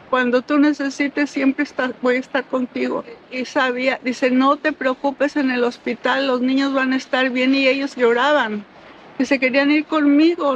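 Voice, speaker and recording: Older woman, personal storytelling, halting restarts, emotional, muffled lo-fi sound, light background hiss. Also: sits high. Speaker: mother telling her story. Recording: dull lo-fi recording, faint noise.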